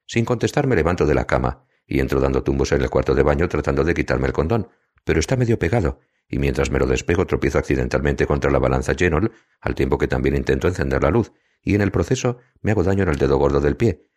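A man reading a novel aloud in the first person, with a steady, deliberate delivery. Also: a bass voice. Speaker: audiobook narrator.

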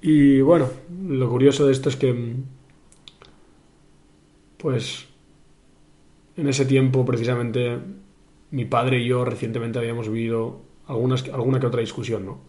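Young male podcast host from Spain, reflective monologue, even and flat, mid pitch, halting with fillers. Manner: thoughtful, many pauses and fillers, addresses the listener.

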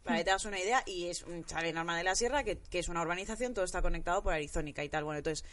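A woman in her thirties with a Spanish accent from Spain, telling an animated story in casual chat and acting out the quoted voices. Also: on the low side, racing.

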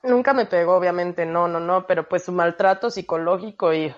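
A woman's voice: lowish voice, brisk. A young woman with a Mexican accent telling a personal story in casual, slangy chat. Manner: slangy, animated storytelling with frequent "güey". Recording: dull, muffled recording.

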